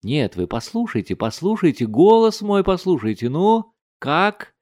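A loud, gleeful man on the phone who can't stop announcing himself, his voice jumping high and singing out the words, as a male storyteller puts him on. The delivery is dry and close, with pitch that bounces all over. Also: very animated, measured pace, no room sound. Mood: insistent. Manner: loud, gleeful, sing-song. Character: overjoyed, pestering man phoning strangers.

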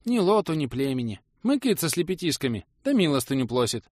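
A gruff old bearded craftsman , as a male narrator puts him on, talks with a thick lisp and mumbles his words grudgingly. His voice sits higher and bounces around. The audiobook sound is dry and close. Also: big pitch swings, fairly quick, darkish tone, no echo. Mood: grumbling. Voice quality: lisp, swaps r for l.

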